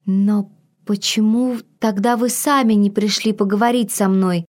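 A woman's voice: mid-range voice, steady tone, measured pace, darkish tone, natural voice. A woman reading a breathless, pleading young woman.

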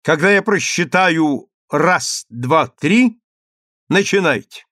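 Stern, measured duel second, lifted pitch , read by a man. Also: lively intonation, a bit bright, no echo, clean studio sound. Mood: firm. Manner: measured, commanding. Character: calm, firm male second at a duel.

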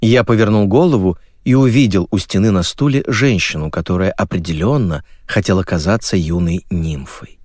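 A man narrating an audiobook in a wry, expressive way. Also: sits low, moderate pace, dry recording, studio quality.

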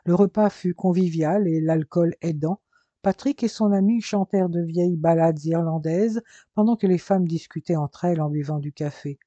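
A narrator reading a story aloud in an even, unhurried way, in a dull lo-fi recording. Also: mid-range voice, no room sound. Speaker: audiobook narrator.

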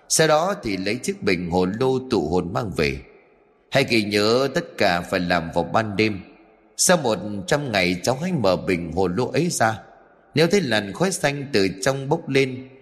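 A man voicing an elderly grandfather who gives slow, solemn instructions in a spoken ghost story. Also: lowish voice, long reverb tail.

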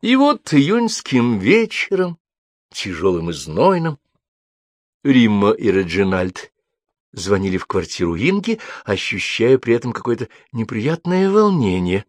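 A man reading a story aloud with a wry, deadpan narration. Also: medium pitch, a little slow, no echo, clean studio sound.

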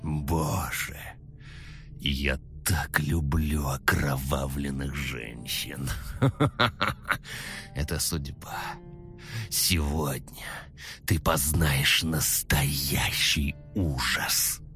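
A man reading a story aloud, voicing a cocky young man who poses as a creepy maniac and talks in quiet, menacing, whispery tones with sinister chuckles. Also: a bass voice, steady tone, extremely slow, soft background music, voice pushed down, full character voice.

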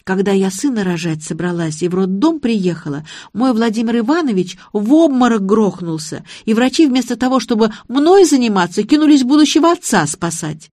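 A woman voicing a kindly, chatty elderly woman in an audiobook, gently chiding and soothing. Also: a little high, animated, brisk, hardly any pauses, dry recording, studio quality, pitched above the performer's own voice.

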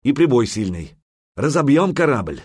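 A man voicing a grim, reluctant viking helmsman who speaks low and grudgingly. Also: sing-song, normal speed, darkish tone, slightly rough, dry recording, clean studio sound.

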